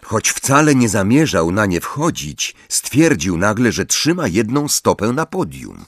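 A man narrating a fantasy audiobook in an expressive, dramatic manner. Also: on the low side, measured pace, no room sound, studio quality.

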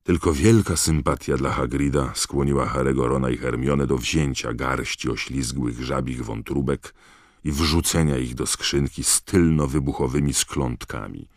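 A man narrating an audiobook in a measured, expressive storytelling manner. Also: extremely low pitch, dry recording, clean studio sound. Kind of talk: scripted narration.

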